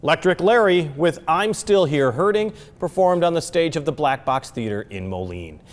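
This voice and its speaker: A man's voice: fairly high pitch, animated. Guy hosting a local tv talk show, chatty and folksy, kinda echoey studio. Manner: conversational, folksy, quick to jump in. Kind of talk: local TV interview.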